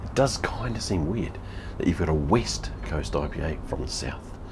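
Filming a casual beer review in his home with a TV in the background, this fifty-something New Zealander is sweary, blunt, and repetitive. His very deep voice is animated and moderately paced, and there's heavy background noise.

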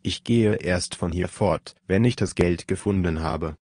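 Man reading a dejected young man fearing ruin, deep, dry, pleading. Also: unhurried, darkish tone, husky, dry recording. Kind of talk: audiobook reading.

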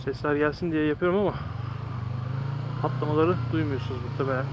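High-voiced man talking inside a helmet. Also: quick pace, very noisy. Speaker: motorcycle vlogger. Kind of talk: casual chat to viewers while riding and doing small tasks. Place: outdoors on a motorcycle.

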